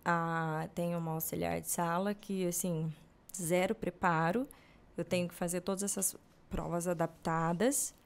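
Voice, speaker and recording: A woman's voice: on the low side, fairly even intonation, a little slow, creaky. A woman from Brazil, hosting a podcast in casual conversation, who retells a friend's story and quotes her at length. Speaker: podcast host.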